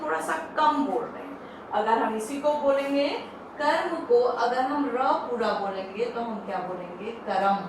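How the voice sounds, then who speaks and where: A woman teaching a Hindi lesson to children, explaining slowly and patiently and asking the class questions. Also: sits high, distant mic. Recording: echoey room, off-mic, faint hiss.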